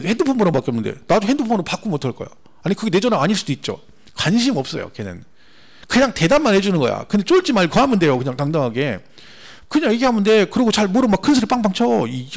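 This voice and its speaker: A man lecturing a class on tax law for an exam, animated and repetitive, asking the students rhetorical questions. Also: high voice, gravelly.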